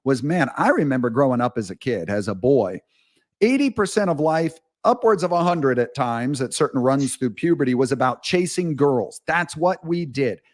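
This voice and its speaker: A man guesting on a podcast, talking in a mid-range voice as he rambles candidly through long stories. He speaks at an everyday pitch, frank and loose, with blunt asides along the way. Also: lively intonation, moderate pace. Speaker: guest, author. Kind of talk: casual podcast conversation.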